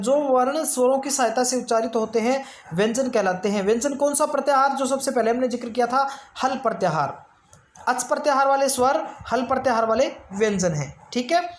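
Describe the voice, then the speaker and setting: A woman teaching an exam-prep grammar lesson, explaining step by step and asking and answering her own questions. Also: high-pitched. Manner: draws out vowel sounds slowly to demonstrate; frequent check-ins of "theek hai".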